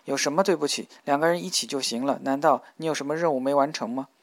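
A man voicing a gentle, anxious young woman in an audiobook, speaking softly and pleadingly. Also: a little high, quick pace, no room sound, close to an everyday voice.

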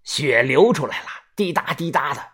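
A man narrating a first-person adventure story as an audiobook, in an animated storytelling manner. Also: on the high side, moderate pace, slightly rough. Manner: animated first-person tomb-raiding tale telling.

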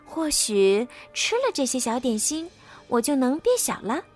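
A curious, spirited young girl muses to herself and sometimes shouts back boldly, as a woman reading a storybook puts her on. Her voice is high and very animated, and soft music runs underneath. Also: unhurried, heavily acted. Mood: musing. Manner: wondering to herself, sometimes crying out.

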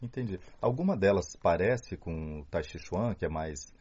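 A man with a Brazilian accent hosting a relaxed interview, asking curious questions and echoing the answers back. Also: low voice, normal speed, husky. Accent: Brazilian Portuguese. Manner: inquisitive, echoes answers back. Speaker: interview host. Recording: slightly dull, lo-fi interview recording.

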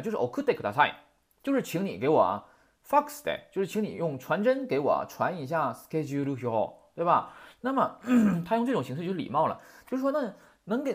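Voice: medium pitch, sing-song, quick pace. A language teacher explains example sentences and keeps checking with "right?". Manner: constantly asks "right?" to check understanding; quotes example sentences, then explains them. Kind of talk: classroom lesson explanation.

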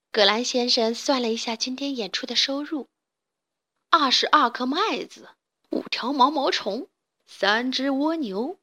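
A woman reading a children's storybook aloud in a lively, expressive way. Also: fairly high pitch.

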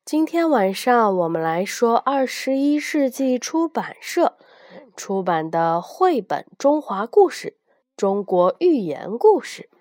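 Slow, expressive woman storyteller. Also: fairly high pitch, dry recording, studio quality. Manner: gentle, expressive storytelling to children. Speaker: children's storyteller. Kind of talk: bedtime story reading.

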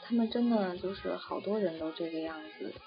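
A young woman from China talks in a loose, rambling way, full of fillers and restarts. Her voice has a gravelly fry to it. The audio is dull and lo-fi, with faint music underneath. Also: on the low side, fairly quick. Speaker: interviewee. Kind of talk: casual chat.

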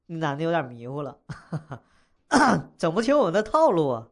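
A young man tells a comic story from his own life, speaking. His voice sits a little high for a man. The delivery is loose and slangy, full of wisecracks and chuckles. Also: big pitch swings, normal speed.

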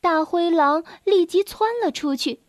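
A woman narrating a children's storybook in a clear, expressive way. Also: extremely high pitch, measured pace, dry recording, clean studio sound.

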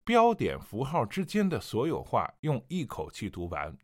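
A man teaching audiobook narration in a clear, explanatory way, driving home his main advice by repeating it. His pitch moves in a lively way through each sentence. The sound is close and dry, with no room around it. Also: normal speed, no room sound. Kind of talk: voice-acting lesson.

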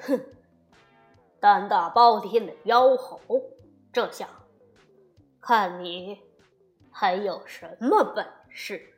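Woman doing a booming pompous Jade Emperor. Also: soft background music, lightly acted. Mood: gloating. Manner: blustering, slow commanding shouts. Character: angry, pompous male Jade Emperor, ruler of heaven.

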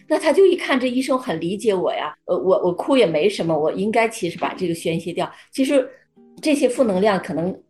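A middle-aged woman talks as a guest expert in a relaxed, conversational way. Her pitch sits in a normal middle range. She tells her points as lively little stories and slips into other people's voices to act them out. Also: fairly quick, soft background music. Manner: animated storyteller acting out doctors and patients. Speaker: oncology psychologist guest. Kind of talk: conversational explanation.

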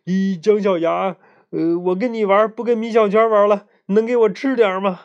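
A man voicing a greedy but honest young schoolboy in a read-aloud children's story, in a bright, childish storybook voice. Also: sits high, fairly quick, dull audio, voice pushed up, lightly acted. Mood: pleading.

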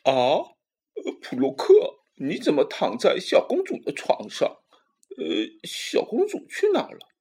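A woman voicing an anxious male palace servant in a children's story, calling out in a low, husky put-on voice. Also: sing-song, drawn-out words, pauses often, warm tone, exaggerated voice. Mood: worried.

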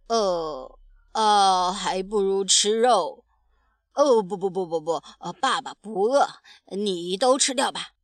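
A woman's voice: mid-range voice, no echo, clean studio sound, lightly acted. Woman playing a hesitant tyrannosaurus dad. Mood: flustered. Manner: hesitant, with many drawn-out "uh"s. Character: gruff yet tender tyrannosaurus father figure.

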